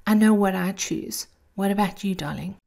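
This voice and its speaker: A woman's voice: mid-range voice, normal speed, darkish tone, soft background music. A woman hosting a scripted motivational monologue in a sultry, intimate femme-fatale manner, with a sweet voice. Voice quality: sweet, creaky. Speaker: host of a daily encouragement series.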